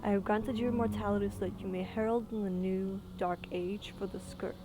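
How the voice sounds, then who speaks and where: A woman's voice: mid-range voice, steady tone, brisk, close to an everyday voice. Woman reading as a solemn commanding undead king. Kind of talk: reading game quest dialogue aloud. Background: game music.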